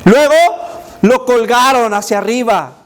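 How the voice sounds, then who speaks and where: A male children's pastor leads a Bible story lesson for kids. His voice sits high and his pace is unhurried. He tells it with emphatic energy and mixes stray English words into his Spanish. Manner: animated and emphatic, inviting listeners to imagine.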